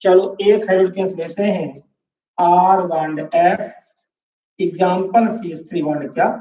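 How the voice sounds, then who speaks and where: High-voiced male teacher in an echoey room. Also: steady tone, takes it slowly, dark tone. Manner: explains step by step, checking in with "है ना" and "ठीक है"; asks the class questions and answers them himself. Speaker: chemistry teacher. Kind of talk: classroom lecture. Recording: echoey room, distant mic, dull lo-fi sound.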